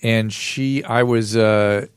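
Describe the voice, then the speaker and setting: A man's voice: fairly low pitch, steady tone, slow pace, clean tone, no echo. A middle-aged man hosting a podcast, telling anecdotes in a casual chat with many restarts and quoted voices. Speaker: podcast host.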